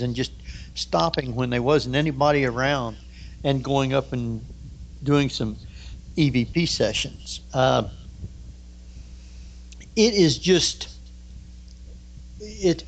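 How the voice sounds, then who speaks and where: A man co-hosting a radio show, chatting in a halting, folksy way. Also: medium pitch. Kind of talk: casual chat, reminiscing. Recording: dull audio with faint hum.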